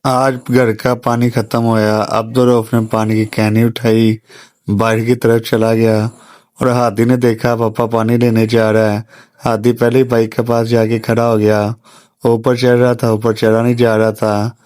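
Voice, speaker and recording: A man's voice: medium pitch, monotone, a little slow, a little mellow, smooth, dry recording. A man narrating a family vlog as a father, plainly recounting the day's events step by step. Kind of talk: voice-over storytelling.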